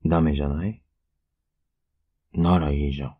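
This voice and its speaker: A man playing a tender, teasing, clingy younger boyfriend in an ASMR role-play, murmuring softly and intimately. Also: extremely low pitch, steady tone, moderate pace, husky, narrow, tinny audio. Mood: pouty, affectionate. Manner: soft, intimate, coaxing murmur.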